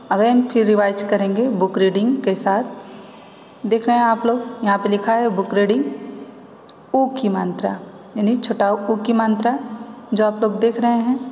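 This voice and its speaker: A woman teaching a primary school class online, slowly and patiently sounding out each syllable for young pupils. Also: on the high side, darkish tone, echoey room, in a large hall, slight background noise.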